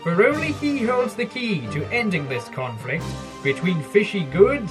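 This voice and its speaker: A man's voice: high voice, sing-song, moderate pace, music in the background. A man playing a melodramatic heroic fish editor. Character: earnest heroic male fish newspaper editor. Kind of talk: comedy audio drama.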